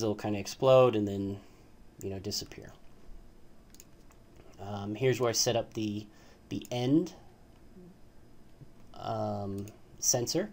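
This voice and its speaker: A man's voice: on the low side, a little mellow, a little hiss or hum. A man giving a casual, hesitant coding tutorial, full of fillers and asking "right?" as he walks through his screen. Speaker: tutorial host.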